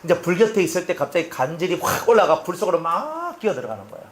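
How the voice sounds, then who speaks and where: Man, pastor, lively swooping pitch, echoey hall, faint hum. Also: quick pace. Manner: animated storytelling, acting out scenes. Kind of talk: expository sermon.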